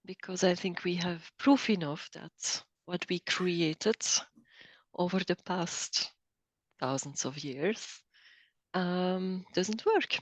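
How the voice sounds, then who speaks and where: A middle-aged woman from Belgium, speaking as an interview guest, thoughtful and hesitant with many pauses and restarts. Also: fairly low pitch, no room sound. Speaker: guest, coach. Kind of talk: interview conversation.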